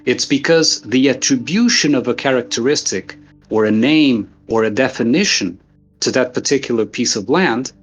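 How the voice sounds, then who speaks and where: A man from Portugal speaks English. His voice sits at a middle pitch, and he explains at length and in earnest, building each point from simple examples. Faint music plays underneath. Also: normal speed, husky. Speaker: guest thinker. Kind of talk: casual philosophical conversation.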